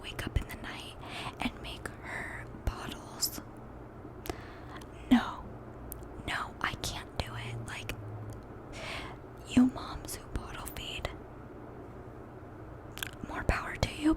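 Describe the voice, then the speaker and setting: A young adult woman whispering a casual ASMR ramble to her viewers, softly repeating some of her words. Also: rough recording. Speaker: ASMR video host.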